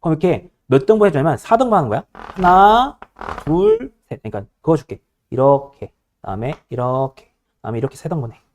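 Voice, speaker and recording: A male high school math teacher lecturing a class, bossy and teasing, always checking whether students follow. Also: lively intonation, fast talker, a little mellow.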